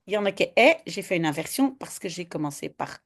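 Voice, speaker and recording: A woman's voice: fairly low pitch, animated, moderate pace. A woman from Belgium, patiently teaching Dutch step by step in an online lesson and often adding "hein".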